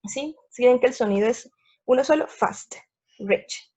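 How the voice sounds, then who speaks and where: A woman with a slightly high voice walks through grammar rules as a patient teacher, going step by step and checking that her viewers follow. The sound is dull and lo-fi. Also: fairly quick, mellow. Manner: patient, repeats steps, checks in with "¿sí?" and "listo". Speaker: English teacher. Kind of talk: slide lesson explaining grammar.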